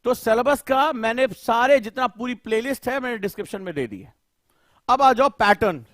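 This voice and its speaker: A man's voice: very high voice, animated, normal speed, fairly bright tone, dry recording, clean studio sound. A male coaching teacher lecturing students, firing rhetorical questions and scolding them.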